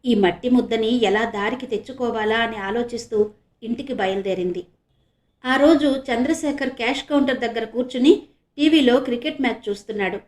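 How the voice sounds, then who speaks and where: High-voiced woman narrating a novel. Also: brisk. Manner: expressive, raises voice for dialogue. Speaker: audiobook narrator. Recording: echoey room.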